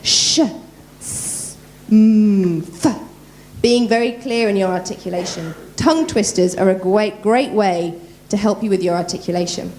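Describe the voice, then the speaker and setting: A woman voice coach giving a lively workshop at a conference, talking quickly and quizzing the audience. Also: mid-range voice. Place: conference room.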